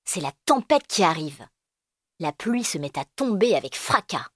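A woman reading a children's storybook aloud, gentle and expressive. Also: lowish voice, a little slow, no room sound, clean studio sound.

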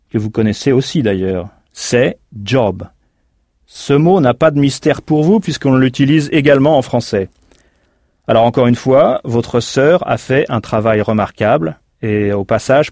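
A man with a mid-range, darkish voice narrates a recorded language course, explaining patiently and spelling out words letter by letter. The recording is dry and studio quality.

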